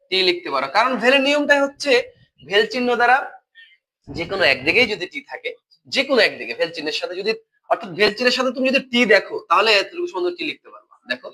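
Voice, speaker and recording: Teaching a logic class online while he has a cold, a man with a Bangladeshi Bengali accent explains patiently and repetitively, quizzing students as he goes. His voice sits high with a sharp tone, and the audio is poor.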